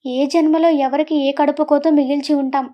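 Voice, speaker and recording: Audiobook mother: middle-aged, tearful and pleading, high voice, read by a woman narrator. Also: level tone, moderate pace, muffled recording, lightly acted.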